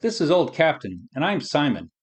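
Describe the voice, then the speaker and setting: A friendly, quick-thinking sidekick who talks plainly and earnestly, as a male narrator reads him. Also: on the high side, sing-song, breathy edge, voice pushed up. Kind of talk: storybook voice acting.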